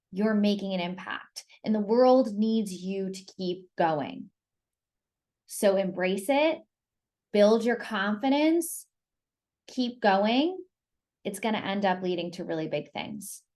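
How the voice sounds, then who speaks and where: A woman's voice: mid-range voice, darkish tone. A woman presenting on an online group call, giving informal motivational advice and repeating phrases for emphasis. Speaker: presenter leading the discussion.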